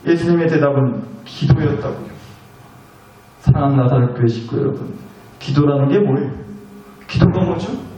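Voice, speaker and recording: A man's voice: on the high side, moderate pace, long pauses, mellow, muffled recording. A man preaching a sermon, hammering home key phrases by repeating them with rising insistence. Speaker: pastor. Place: church sanctuary. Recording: echoey hall, distant mic.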